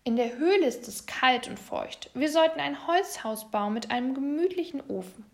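A woman voicing a hungry, hearty papa bear in a children's storybook, speaking loudly. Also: sits high, expressive, moderate pace, pitched above the performer's own voice.

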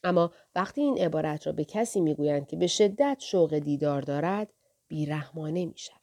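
A woman narrating an audiobook in a soft, measured way, sometimes dropping almost to a whisper. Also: low-pitched.

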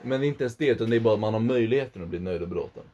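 A man's voice: lowish voice, animated, mellow. A young man co-hosting a casual podcast chat, laid-back and argumentative, laughing often, on a dull lo-fi recording. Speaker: podcast co-host. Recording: dull lo-fi sound.

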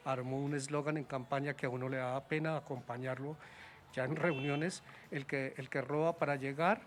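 A man's voice: medium pitch, fairly even intonation, normal speed, slight background noise. A man in casual political talk, critical and hesitant, with many restarts and fillers. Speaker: political guest.

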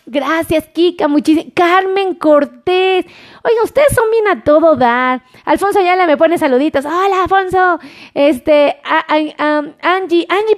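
A woman hosting a live stream, chatty and warm, greeting viewers and repeating their names in a singsong. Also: extremely high pitch. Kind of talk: live stream chat reading viewer comments.

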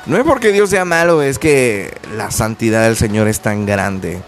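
A man's voice: mid-range voice, lively intonation, measured pace, soft background music. A man preaching a radio sermon, earnestly urging his listeners in direct address.

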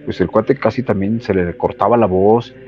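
A man with a Mexican accent, a radio host musing in casual chat with hesitant, reflective pauses. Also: on the low side, fairly even intonation, darkish tone. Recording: slightly muffled radio recording.

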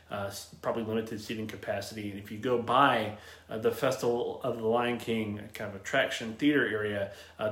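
A man in his late thirties hosts a casual talk show as a travel agent. He is chatty and upbeat, full of ums and restarts. His mid-pitched voice carries a noticeable room echo. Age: 30s. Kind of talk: casual solo livestream talk.

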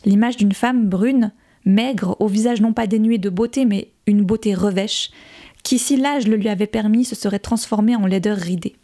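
A woman reads a novel aloud in a measured, soft-spoken manner. Her voice is mellow and warm, pitched in an ordinary middle range. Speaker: audiobook reader. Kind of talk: novel narration read aloud.

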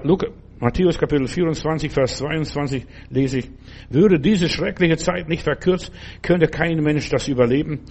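Pitched on the high side, this older male preacher delivers a sermon in which he repeats his urgings with earnest conviction, sometimes easing into a gentle, unhurried, comforting register.

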